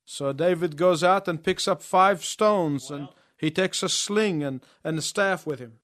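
A man preaching a sermon in short phrases, pausing so an interpreter can translate each one. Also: a little high, fairly bright tone.

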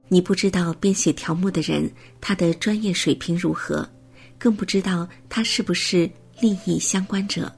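A woman reading a prepared text as scripted narration, in a steady, measured way. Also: lowish voice, vocal fry, husky.

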